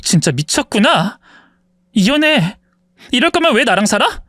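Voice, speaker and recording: A man's voice: very high-pitched, sing-song, moderate pace, pushed and bright, no echo, clean studio sound, heavily acted. A man voicing a betrayed wife in her forties who accuses her husband of cheating. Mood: indignant. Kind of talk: dramatized story reading.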